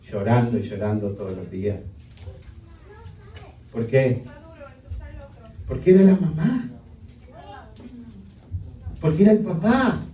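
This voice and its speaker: A man's voice: medium pitch, takes it slowly, long pauses, dark tone, highs cut off. A male pastor preaching a sermon emphatically, with many rhetorical questions. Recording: echoey hall, distant mic.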